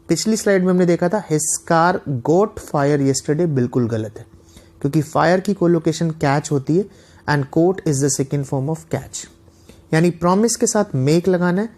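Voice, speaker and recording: A male teacher talks through an online lesson at an unhurried pace. His voice is mellow and soft-edged. He reads each example slowly and clearly, then checks in with the class again and again. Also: a little high. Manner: reads English examples slowly and deliberately, often asks "guys, got the point?". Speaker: English teacher.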